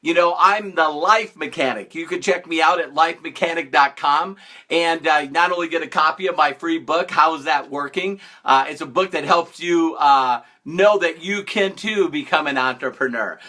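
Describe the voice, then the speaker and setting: A man's voice: a little high, moderate pace, bright, forceful tone. Upbeat man hosting a live stream. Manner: upbeat, greets viewers by name, playful mock-sarcastic emphasis. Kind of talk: casual live-stream talk to viewers.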